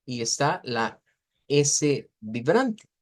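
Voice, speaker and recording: A man teaching an English phonetics class in an explanatory way. He often checks in with his students and slows down to model sounds. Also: mid-range voice, sing-song. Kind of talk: online class lecture.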